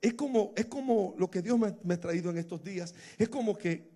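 A man preaching a sermon, retelling a scripture story and rising to emotional shouted exclamations. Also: high voice, a little fast.

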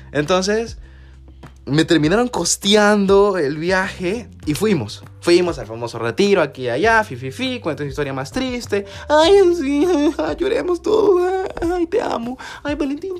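A young man tells a story for his podcast in a relaxed, casual way. His voice sits a little high, and he often leaps into exaggerated, mocking tones. Faint music plays underneath him. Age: young adult. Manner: animated, jumps into mocking high voices and slang. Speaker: podcast host.

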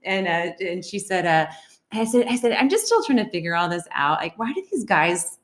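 A woman co-hosting a casual chat show, telling a story with lively, acted-out quotes. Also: on the low side, moderate pace, reverberant. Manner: animated storyteller, acts out quotes. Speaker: podcast co-host.

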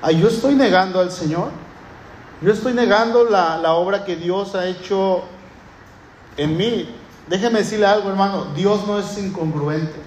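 A high-pitched man with a Mexican Spanish accent preaches a sermon to his congregation, earnest and deliberate. His voice rings through an echoey church, with faint ambience behind him. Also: slight background noise. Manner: earnest preaching, slows down for emphasis. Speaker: pastor.

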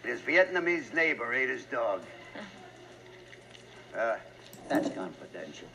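An actor playing a gruff, wisecracking police detective who talks briskly and wryly, heard as film audio. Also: male voice, mid-range voice, very animated, music in the background, heavily acted, poor audio. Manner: brisk, wry. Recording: film audio with noise behind.

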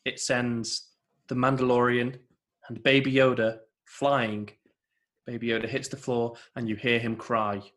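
A man's voice: medium pitch, little pitch movement, measured pace, fairly bright tone. A man co-hosting a casual podcast, steadily recapping an episode's plot. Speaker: podcast co-host. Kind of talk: casual TV episode review chat.

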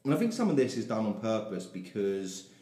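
A man with a softened South London English accent hosting a podcast in casual, blunt, sweary chat. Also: on the low side, big pitch swings, a little fast. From South London, England. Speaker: podcast host. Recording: roomy, echoey.

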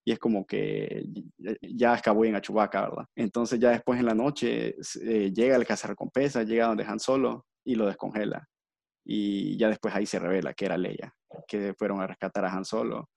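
A man's voice: on the low side, steady tone, normal speed, gravelly, a little mellow, no room sound. A man, co-hosting a podcast and retelling a film plot casually, acting out quoted lines and laughing often. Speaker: podcast co-host.

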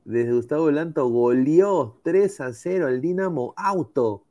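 A man's voice: a little high, lively intonation, a little slow, mellow, no room sound, dull audio. A man with a Peruvian accent co-hosting a casual sports talk show in a slangy, conversational way.

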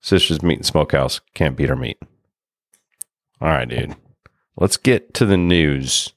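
Male golf podcast co-host, deep voice, dry close sound, laid-back and chatty. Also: a little slow, vocal fry, no room sound. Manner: relaxed, chatty storytelling. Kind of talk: casual golf podcast chat.

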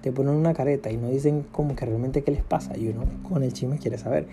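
A young man speaks in a very dark, mellow voice, rambling candidly through an unscripted podcast monologue. He sounds low in spirits and often laughs at himself. Faint guitar music plays underneath. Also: fairly even intonation, fast, creaky. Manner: candid, rambling, self-deprecating with frequent laughs. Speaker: podcast host.

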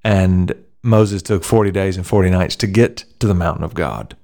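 A man with a fairly low voice talks through a Bible passage in an easygoing conversation. He is a pastor, thoughtful, and he speeds up and slows down as he works through his points. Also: gravelly, darkish tone. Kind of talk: casual conversation on scripture.

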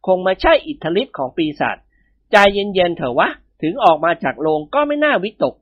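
A man voicing a stern, rational doctor who speaks calmly and severely. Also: sits high, a little fast, narrow, tinny audio. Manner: stern, reasoning.

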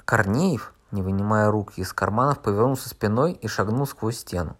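A man's voice: lowish voice, normal speed. A man narrating an audiobook in the first person, telling the story steadily. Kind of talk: audiobook reading.

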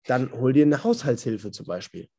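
A man's voice: medium pitch, huge pitch swings, normal speed, warm tone, slightly rough. A man who works as a business coach, talking casually in a podcast chat in a blunt, emphatic and colloquial way.

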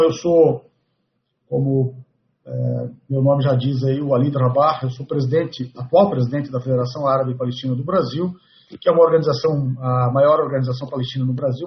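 A man from Brazil, a guest speaking formally and steadily, often pausing on "eh". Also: medium pitch, lo-fi sound. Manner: measured, with frequent "eh" fillers. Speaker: guest, president of an organization.

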